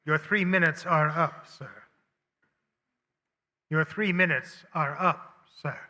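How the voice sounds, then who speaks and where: A man performs a brisk telephone operator in a radio drama. The voice is raised in pitch and very piercing, with formulaic, impersonal courtesy. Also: fairly even intonation, pushed and bright, full character voice. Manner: formulaic, clipped politeness.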